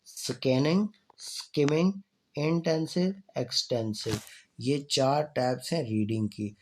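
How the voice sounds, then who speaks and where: Male teacher, slow deliberate explainer, stretches out the example sentences. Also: mid-range voice, a little hiss or hum. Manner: slow, explains step by step, reads examples aloud drawn out. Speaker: English teacher. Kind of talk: recorded lecture over slides.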